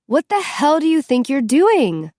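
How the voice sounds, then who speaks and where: A woman's voice: medium pitch, moderate pace, no room sound, clean studio sound, lightly acted. A woman voicing a fiery, fed-up teenage girl who snaps sharply, in an audiobook. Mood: furious. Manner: sharp, exasperated yelling.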